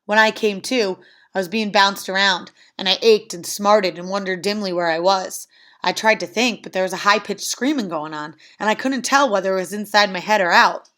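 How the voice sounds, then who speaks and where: Woman, audiobook-style reading, even, plain narration. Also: medium pitch, normal speed. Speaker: reader. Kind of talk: reading a novel aloud.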